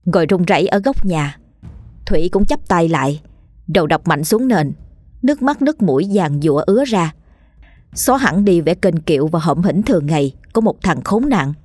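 A woman narrating a scripted horror story in a measured, dramatic way, speaking close to the mic. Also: fairly low pitch, lively intonation, a little mellow, dry recording.

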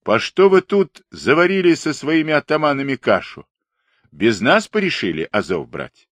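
A man voicing a defiant Cossack centurion who shouts hoarsely and mockingly. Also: mid-range voice, sing-song, normal speed, no room sound, voice pushed up. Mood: defiant shouting. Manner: mocking, scornful.

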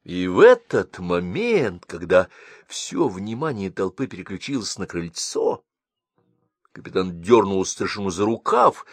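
A man reading a comic story aloud as an expressive audiobook narrator. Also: deep voice, a little slow, slightly rough.

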